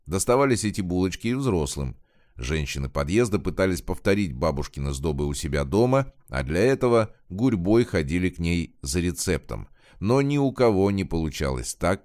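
A man's voice: low voice, darkish tone, no echo, studio quality. A man giving a scripted narration of a crime story, reading the characters' lines with small shifts in his voice.

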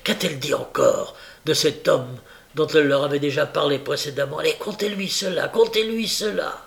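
A man's voice: fairly high pitch, normal speed, gravelly. A man reading aloud and voicing an old, scheming male criminal who presses and pleads urgently. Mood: frantic.

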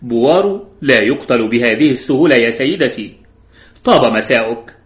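A man doing Poirot, calm and courteous. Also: medium pitch, moderate pace, natural voice. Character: calm, composed elderly male detective. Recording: roomy echo.

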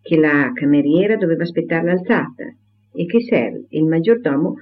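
A man narrates a classic novel in a measured, steady reading. His voice sits somewhat high for a man. The recording is thin and tinny, like a phone line. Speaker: audiobook reader.

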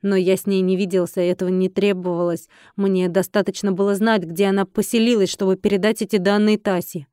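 A woman reader voicing a calm, composed male dragon in human form, who speaks in a measured, confident way close to her own voice. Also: medium pitch, clean tone, no room sound, natural voice.

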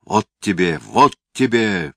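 A man's voice: on the low side, animated, slow, gravelly, sharp tone, pitched above the performer's own voice, full character voice. A man voicing a furious, cruel young prince who hurls venomous accusations in a raised, strained voice. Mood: savage.

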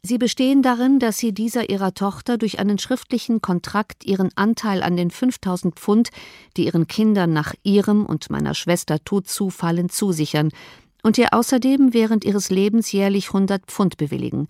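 A woman narrates a classic novel as an audiobook. Her reading is steady and clear, at a middle pitch. The sound is dry and close, without room echo. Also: moderate pace.

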